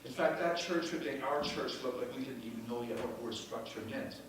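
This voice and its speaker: A man preaching a sermon in a church, moving from easy storytelling to loud, exclaiming praise with the odd laugh. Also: mid-range voice, a little fast, a little hiss or hum. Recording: echoey church room, voice from far off.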